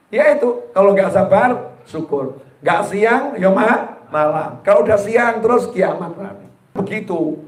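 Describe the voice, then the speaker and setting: Pendakwah pria bersuara agak tinggi bergema. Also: male voice, a little high, a little mellow. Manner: joking, folksy, acts out little dialogues. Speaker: preacher. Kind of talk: religious sermon to a live congregation. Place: gathering hall with audience. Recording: echoey hall sound.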